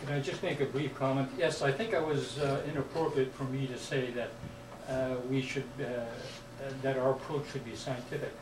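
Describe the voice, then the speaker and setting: A man in the audience making a hesitant comment at a public talk, with many pauses and fillers. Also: mid-range voice, fairly even intonation. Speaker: audience member asking a question. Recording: roomy hall sound from a distance, clear noise.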